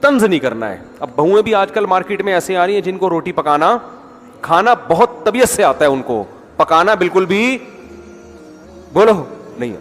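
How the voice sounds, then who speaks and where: A man's voice: high-pitched, big pitch swings, fairly bright tone. A man giving a sermon in a conversational style, full of rhetorical questions and little impressions of people. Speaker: preacher. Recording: echoey hall with faint music.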